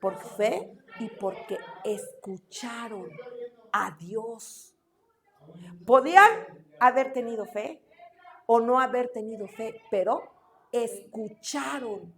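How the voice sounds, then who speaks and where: A woman teaching a church Bible class in a lively way, asking the class questions and acting out quotes. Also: a little high, slow, long pauses. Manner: animated, asks the class questions, acts out quotes.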